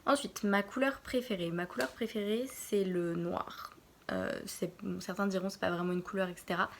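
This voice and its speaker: A young woman in her early twenties from Normandy, answering Q&A questions in a casual vlog from her bedroom, pausing often to think. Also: medium pitch, fairly even intonation, creaky, slight background noise. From France, Normandy. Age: early 20s. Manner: hesitant, pauses often to think. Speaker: vlogger.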